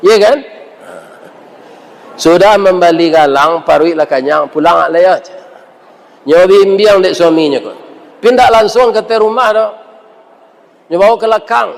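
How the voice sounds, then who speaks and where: A man's voice: sits high, unhurried, creaky, long pauses, big-room sound. A man with a Minangkabau accent giving a humorous sermon, joking and asking the audience questions. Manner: jokey, questions the audience, acts out quotes. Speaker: preacher.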